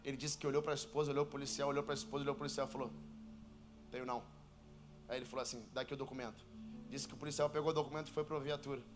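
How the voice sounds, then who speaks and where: A Brazilian pastor preaching a sermon in church, telling a story and building to shouted, sung preaching. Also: male voice, mid-range voice, little pitch movement, racing, over music. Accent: Brazilian Portuguese.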